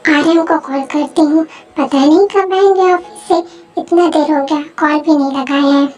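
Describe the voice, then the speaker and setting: A woman doing a high-voiced nagging mother. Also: fairly even intonation, normal speed, a little mellow, soft background music, lightly acted. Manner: nagging, scolding. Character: worried mother waiting up late. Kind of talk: amateur dubbed story.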